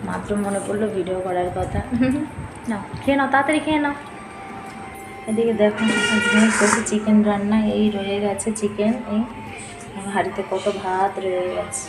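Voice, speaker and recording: Fast-talking woman vlogger. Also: mid-range voice. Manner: chatty, keeps addressing viewers directly. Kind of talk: casual vlog narration to viewers. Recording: background music under voice.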